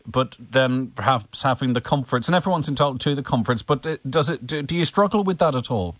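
A man hosting a live radio interview, chatty and relaxed with some fillers. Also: medium pitch, brisk, dry recording. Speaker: radio host.

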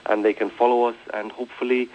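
A man's voice: mid-range voice, flat delivery, quick pace, dull audio. A man from Palestine, an event organiser guesting on a radio interview, speaking earnestly and with passion, often restarting his phrases.

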